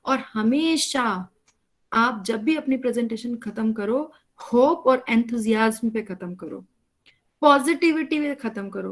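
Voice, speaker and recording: Woman lecturer, slightly high voice, patient online class explainer on a video call. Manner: explains patiently, often checks with "है ना?". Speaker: college teacher.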